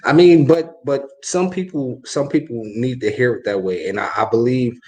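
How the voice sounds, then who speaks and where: A man's voice: medium pitch, normal speed, dark tone. A man hosting a podcast, asking questions in a hesitant, casual way with many fillers. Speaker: podcast host. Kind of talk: casual interview.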